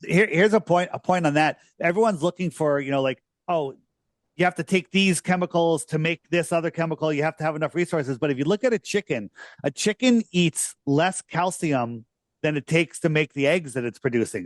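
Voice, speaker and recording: A man's voice: a little high, no room sound, clean studio sound. A man in his sixties hosting a podcast in casual, emphatic conversation. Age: 60s. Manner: emphatic and conversational, drawn-out stresses. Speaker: podcast host.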